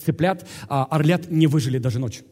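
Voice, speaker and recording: A man preaching a passionate sermon, pausing for an interpreter and rising to shouts. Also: on the high side. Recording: echoey hall reverb.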